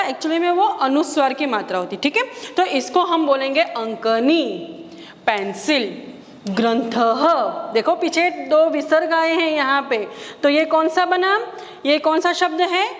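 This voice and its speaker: A woman's voice: sits high, big-room sound. An Indian woman teaching a Sanskrit class, patiently repeating each word and giving its meaning. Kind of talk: recorded online class lesson.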